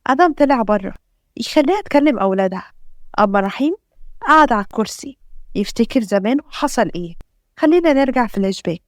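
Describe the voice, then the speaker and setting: A woman with an Egyptian accent reads a family drama aloud at a brisk clip. Her voice sits fairly high and sounds dry and close. She reads every character herself. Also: animated, no echo. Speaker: storyteller. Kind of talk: scripted narration of a family drama.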